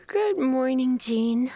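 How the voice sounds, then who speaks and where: A woman's voice: high-pitched, darkish tone, full character voice. A woman voicing a teasing, flirtatious mature female librarian mage in a game dub, who calls people darling. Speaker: game character, English dub.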